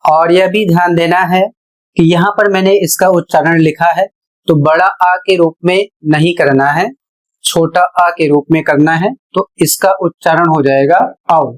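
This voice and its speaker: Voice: mid-range voice, fairly even intonation, a little slow, rough recording. A teacher giving a pronunciation lesson, spelling out words letter by letter and explaining each one carefully.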